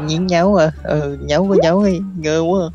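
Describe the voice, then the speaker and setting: A man's voice: a little high, fairly quick, muffled recording. A man bantering while gaming, teasing and exasperated, often breaking into laughs. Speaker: gaming partner. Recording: loud game music behind.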